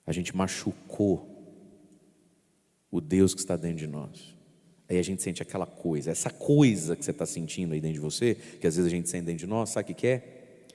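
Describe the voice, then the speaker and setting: A man's voice: low voice, mellow, big-room sound. A man preaching a sermon as a priest, speaking straight to his listeners and coaxing them along, with a theatrical way of acting things out. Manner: theatrical, acting out inner voices and gestures.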